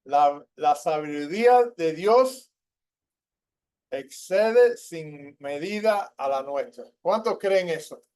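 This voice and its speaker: High-voiced man preaching a sermon. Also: expressive, slow pace, a little mellow. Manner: asks the congregation questions, tags lines with ¿verdad?; rises in pitch and volume when stressing a point. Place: church.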